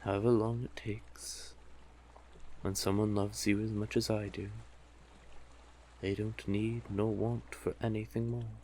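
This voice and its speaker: With a lowish, slightly mellow voice and flat delivery, a man performs an intimate roleplay as a manipulative, possessive male sea witch, over slight background noise. He is doting and teasing, coaxing the listener unhurriedly and tenderly with pet names.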